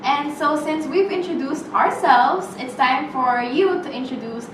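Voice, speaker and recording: A young Filipino woman role-plays a student occupational therapist leading a group therapy session. In a high, unhurried voice, she gives friendly step-by-step instructions sprinkled with frequent "okays". The recording is roomy and distant, with background noise.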